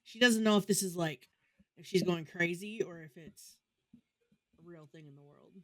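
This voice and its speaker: A woman's voice: lowish voice, moderate pace, dry recording. A woman co-hosting a podcast in casual chat, often starting with hesitant fillers before she makes her point. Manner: hesitant starts, laughs while recounting. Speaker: podcast co-host.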